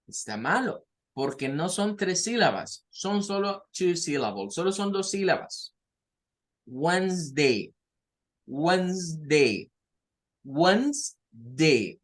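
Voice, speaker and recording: A man with a Latin American Spanish accent teaching an English lesson, patiently explaining and repeating words slowly for pronunciation. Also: sits high, sing-song.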